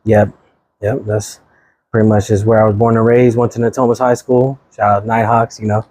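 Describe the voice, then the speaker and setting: A man's voice: fairly low pitch, level tone, brisk, darkish tone, no room sound. A man in his thirties from Sacramento, California, a real estate agent talking as a podcast guest in an easygoing, slangy way. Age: 30s. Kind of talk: casual chat.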